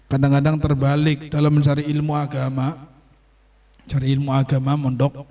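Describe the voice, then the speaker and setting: A man teaching an online sermon on Sufi patience, explaining slowly and checking that his listeners understand. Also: mid-range voice, monotone, warm tone. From Indonesia. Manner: explains slowly, asks "understand?" often, acts out quoted voices. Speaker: religious teacher.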